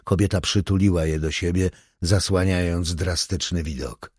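A man narrating a dark thriller audiobook with a measured, even delivery. His voice sits low, and the recording is close and dry with no room sound. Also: husky, no room sound.

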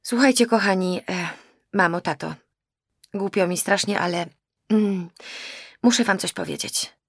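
A woman's voice: mid-range voice, normal speed, no echo, clean studio sound, pitched above the performer's own voice, natural voice. A woman voicing an agitated, exasperated young woman in an audiobook, pleading and raising her voice. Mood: awkward. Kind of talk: audiobook character voice.

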